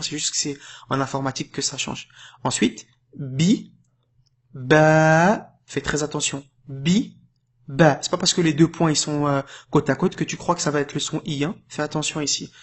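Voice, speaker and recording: A man giving an informal lesson, patiently explaining, checking in often and drawing out syllables slowly when modelling sounds. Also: on the high side, little pitch movement, fairly bright tone. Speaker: Arabic reading teacher. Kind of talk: casual tutorial addressed to the viewer.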